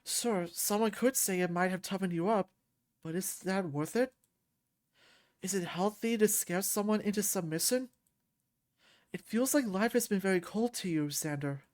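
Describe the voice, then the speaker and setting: Woman playing a soft-spoken male therapist. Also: mid-range voice, natural voice. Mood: gentle. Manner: soft, soothing, slow and earnest. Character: gentle, caring male therapist.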